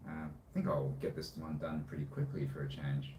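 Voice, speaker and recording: A man's voice: extremely low pitch, completely flat delivery, a little fast, warm tone. A man, chatting casually in a laid-back, rambling way. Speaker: co-host and hobby music producer. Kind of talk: casual chat. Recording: roomy, distant, faint background noise.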